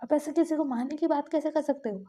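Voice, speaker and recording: A woman voicing a gentle young man who pleads with his partner, in a storybook reading. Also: high voice, fast talker, pitched above the performer's own voice, natural voice. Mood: pleading.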